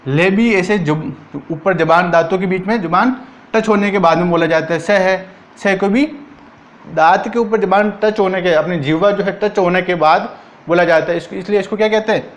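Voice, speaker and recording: A man teaching an exam-prep Hindi grammar lesson, asking each point as a question and answering it himself, drawing out the sounds as he recites them. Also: sits high. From Rajasthan, India. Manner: drawn-out syllables while reciting sounds.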